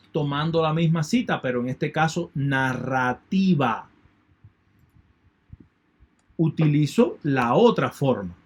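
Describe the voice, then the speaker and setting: A man's voice: a little high, slightly rough. A man teaching an online lecture in a methodical way, repeating key points and thanking his students. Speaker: university lecturer.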